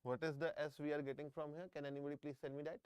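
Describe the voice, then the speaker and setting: Speaking very fast in a level tone, this middle-aged engineering exam tutor has a slightly high voice and an Indian English accent. He teaches a live online class, repeating points and checking on his students. The close-mic recording is very noisy.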